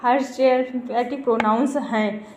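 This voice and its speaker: This woman teaches grammar with a fairly high, steady voice at a slightly slow pace. She addresses her students as "beta," repeats every term, and makes sure they understand; the room echoes, with slight background noise.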